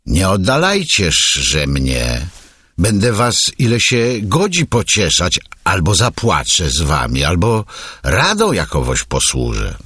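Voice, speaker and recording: Man doing a gentle young noble lady, higher voice but still husky, slow and dry. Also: huge pitch swings, dry recording, full character voice. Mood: earnest.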